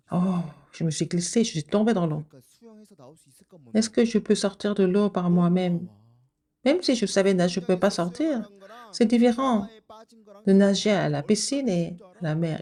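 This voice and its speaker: A woman giving a children's sermon, asking the kids questions and answering them, with sudden high exclamations. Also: mellow. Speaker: kindergarten preacher.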